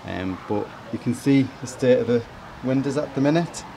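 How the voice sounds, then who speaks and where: Relaxed man explaining his renovation work. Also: medium pitch, normal speed, creaky, a little hiss or hum, rough recording. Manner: relaxed, hesitant, many ums. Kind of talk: casual on-camera explanation. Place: top-floor room of a château.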